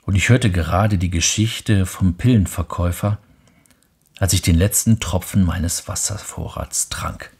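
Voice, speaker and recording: Husky, half-whispering bedtime storyteller man. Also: low-pitched, steady tone, unhurried, darkish tone.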